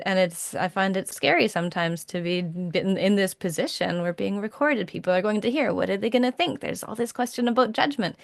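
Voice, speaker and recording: A woman with a North American accent hosting a podcast, talking in a warm, effusive, rambling way. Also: mid-range voice, fairly quick, creaky, few pauses, no echo, studio quality. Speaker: podcast host. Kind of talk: casual podcast chat.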